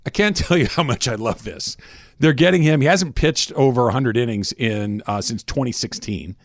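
A man's voice: medium pitch, moderate pace, dry recording, clean studio sound. A man hosting a sports radio show, chatting casually and laughing often.

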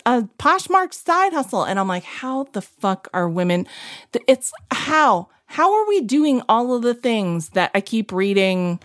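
A woman co-hosting a podcast, telling stories in a chatty, animated way with lots of fillers. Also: fairly low pitch, dry recording, studio quality. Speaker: podcast co-host. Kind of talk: casual chat.

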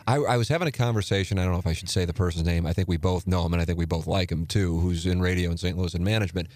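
A man with a very deep voice hosts a casual interview, talking fast. He reacts with quick, enthusiastic exclamations and keeps the chat moving with questions. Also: darkish tone, no room sound. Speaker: podcast host.

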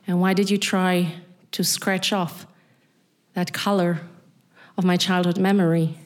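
A middle-aged woman from East Berlin, speaking with a German accent, delivers a deliberate spoken-word monologue straight to the listener. Her pitch is fairly low and her delivery flat.

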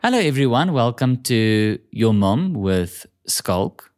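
Lively, playful male podcast host. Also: medium pitch, slow, slight background noise. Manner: playful, self-mocking, animated. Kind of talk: comic podcast interview.

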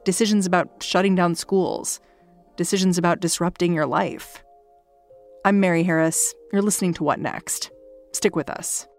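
A woman's voice: fairly low pitch, fairly even intonation, normal speed, soft background music. A woman hosting a podcast in a conversational but scripted way, recorded close in a small closet at home. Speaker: podcast host.

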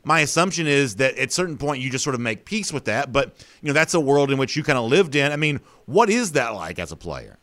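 A man's voice: medium pitch, sing-song, brisk, hardly any pauses, a bit bright. A man hosting a sports talk show, thinking aloud in a conversational, opinionated way with plenty of fillers.

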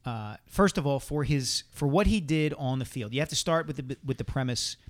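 Brisk man explaining his points. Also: mid-range voice, expressive. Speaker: sports columnist guest. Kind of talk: casual chat.

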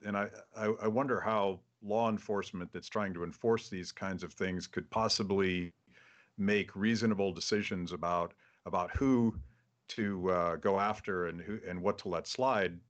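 A man hosting a show, interviewing a guest over a video call and talking haltingly with many restarts. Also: low voice, dull audio. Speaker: show host.

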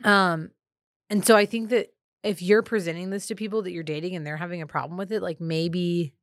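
A woman's voice: lowish voice, fairly even intonation, fairly quick, no room sound, studio quality. A woman co-hosting a casual advice podcast, chatty and opinionated, with many filler words. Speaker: podcast co-host.

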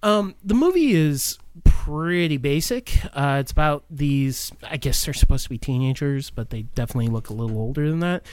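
Podcast co-host, man, rambling casual reviewer with fillers, a bit high-pitched. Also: expressive, moderate pace, few pauses, darkish tone, clean tone, no echo. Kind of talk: casual movie review chat.

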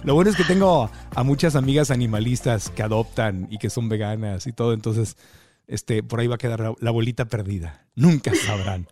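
A man hosting a podcast conversation, telling lively anecdotes and imitating people he quotes. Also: medium pitch, a little fast, no room sound, faint music behind. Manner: lively storyteller, mimics voices in anecdotes. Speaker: podcast host.

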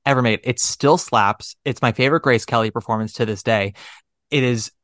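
A man hosting a casual podcast interview, talking in an animated, emphatic, jokey way. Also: mid-range voice, moderate pace, no echo, studio quality. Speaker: podcast host.

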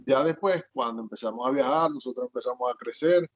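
This middle-aged man, a Zulia native with a Zulian Venezuelan Spanish accent, talks briskly in a medium pitch while telling his life story as a guest in an interview. His account meanders with plenty of fillers and restarts, and the audio is dull and lo-fi.

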